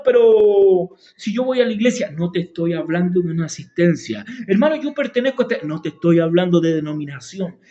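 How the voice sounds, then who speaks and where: Fervent Chilean preacher, high voice. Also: male voice, darkish tone, dull audio. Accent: Chilean Spanish. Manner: fervent, rises and falls in pitch, repeats phrases. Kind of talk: sermon.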